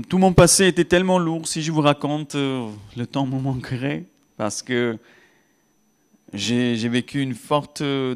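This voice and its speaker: Fervent preacher, halting then rising. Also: male voice, medium pitch, smooth. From Pakistan. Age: 30s. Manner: halting with many restarts, rising to fervent peaks. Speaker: guest preacher. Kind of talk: sermon testimony.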